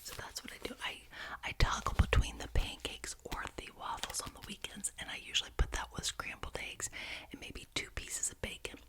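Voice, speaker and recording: A woman whispering breathily in an ASMR ramble, enthusiastic and chatty, gently repeating phrases for emphasis. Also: fairly quick. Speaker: ASMR video creator.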